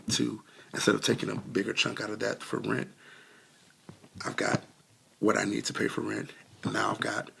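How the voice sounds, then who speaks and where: A man's voice: lowish voice, creaky, bright, forceful tone, a little hiss or hum. A man telling a heartfelt personal testimony in a casual way, with many fillers, close to tears and still coughing a little. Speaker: vlogger sharing a testimony.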